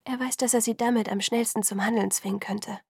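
A woman's voice: a little high, fairly even intonation, a little fast, a little mellow, slightly rough, dry recording, studio quality. A woman voicing an anxious young woman who speaks urgently and often drops to a whisper. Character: anxious young woman pleading in hushed tones.

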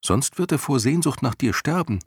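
A man voicing a kind, gentle young boy who speaks earnestly and soothingly, sometimes in a soft whisper. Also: mid-range voice, lively intonation, moderate pace, breathy edge, dry recording, clean studio sound, voice pushed up.

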